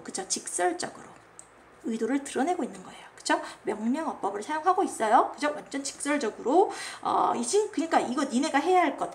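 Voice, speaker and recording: Lively-pitched woman teaching, always checking in. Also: slight background noise. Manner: chatty, keeps checking in with listeners; acts out the poet's commands in a scolding voice. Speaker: Korean literature teacher. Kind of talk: classroom lecture explaining a classical poem.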